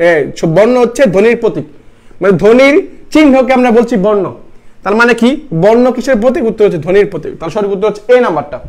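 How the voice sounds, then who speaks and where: A young man teaching a live online grammar class for admission test students, repeating each question and quizzing his viewers. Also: extremely high pitch.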